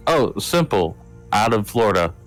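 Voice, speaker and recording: A man's voice: on the low side, sing-song, normal speed, soft background music. A man in a casual group chat who makes goofy, absurd jokes.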